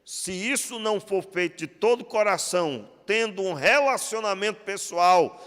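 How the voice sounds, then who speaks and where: A man's voice: sits high, expressive, normal speed, fairly bright tone. A Brazilian pastor with a Rio de Janeiro accent preaching a conversational sermon, acting out quoted dialogue and putting questions to his congregation. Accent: Brazilian Portuguese, Rio de Janeiro. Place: church hall. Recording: long reverb of a church hall.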